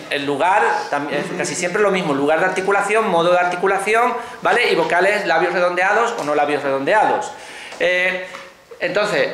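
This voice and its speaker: A man's voice: high voice, pushed and bright. A man with an Andalusian Spanish accent teaching phonology in a classroom, explaining and often asking the students whether they follow. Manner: explanatory, checks understanding with frequent questions. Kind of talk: classroom lecture. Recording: echoey classroom with faint noise.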